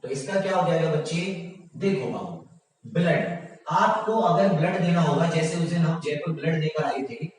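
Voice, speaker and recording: A man teaching a general science class online, reading out quiz options slowly and praising his students often. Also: a little high, heavy reverb, big-room sound, distant mic, poor audio.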